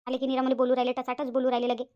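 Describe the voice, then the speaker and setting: Woman doing a sharp-tongued young daughter-in-law. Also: high voice, completely flat delivery, rapid-fire, lo-fi sound, pitched below the performer's own voice, lightly acted. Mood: indignant. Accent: Vidarbha Marathi. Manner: indignant, defensive. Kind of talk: cartoon voice acting.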